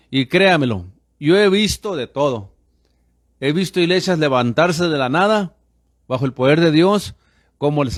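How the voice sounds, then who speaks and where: A man's voice: fairly high pitch, dry recording, studio quality. A man in his fifties from the United States, a radio pastor preaching with fervent insistence and constantly addressing listeners as brothers. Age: 50s.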